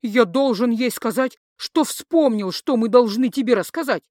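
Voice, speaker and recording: A woman voicing a drunk, pompous young man who stammers and insists loudly. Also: on the high side, moderate pace, dry recording, clean studio sound, close to an everyday voice.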